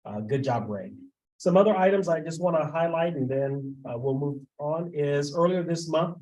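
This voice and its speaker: A man, a school administrator, giving a formal report at a board meeting and often pausing on filler sounds. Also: on the high side, mellow, low-quality recording. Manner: halting, with frequent filler sounds.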